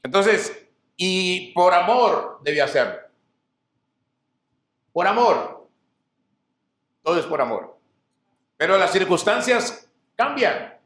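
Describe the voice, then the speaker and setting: Middle-aged man, pastor, preaching; high voice, call-and-answer questions, roomy church echo. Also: expressive, takes it slowly, pauses often, a bit bright. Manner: asks the congregation rhetorical questions and answers them; repeats and rephrases key phrases. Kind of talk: sermon. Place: church hall.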